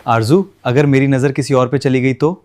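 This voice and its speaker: A man's voice: medium pitch, fairly even intonation, darkish tone. A man with a Pakistani Urdu accent, playing the teasing husband in a scripted couple vlog skit. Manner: playful teasing banter. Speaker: vlogger husband.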